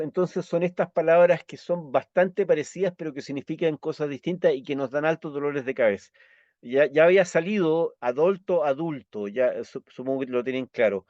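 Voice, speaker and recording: A man's voice: fairly high pitch, darkish tone, dry recording. Chilean male teacher, patient explainer, muffled dry recording. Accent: Chilean Spanish. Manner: patient, checks understanding with quick tag questions. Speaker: Esperanto teacher. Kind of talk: explanatory lesson with slides.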